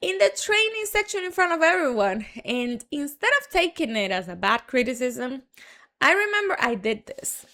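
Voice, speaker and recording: A young marketing entrepreneur from the Dominican Republic narrates her story at a normal speed, her high, sing-song voice pushed and bright. Her Dominican Spanish accent colors a frank, chatty monologue that's packed with fillers and restarts.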